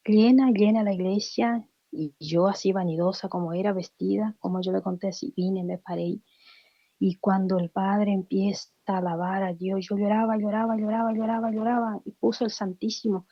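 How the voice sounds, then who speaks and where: A woman's voice: medium pitch, dry recording, lo-fi sound. A woman giving a heartfelt personal faith testimony, acting out the voices of people she quotes. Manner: emotional storytelling, acts out quoted voices.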